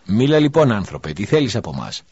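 A man's voice: low-pitched, very animated, slightly rough, no room sound, dull audio, heavily acted. A man voicing a male city governor in an audiobook, asking demanding questions in a raised voice.

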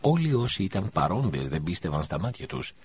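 A man narrating an audiobook in a calm, measured reading voice. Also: low-pitched, slight background noise. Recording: dull lo-fi recording.

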